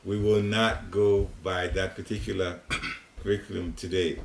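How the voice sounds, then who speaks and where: Deep, level and a little slow, with some vocal fry, this older man from Ghana carries a Ghanaian accent. He leads a devotional class in someone's living room, giving loose, chatty spiritual teaching with chuckled asides. Captured by a room recorder sitting at a distance, the home recording is roomy and faintly hissy.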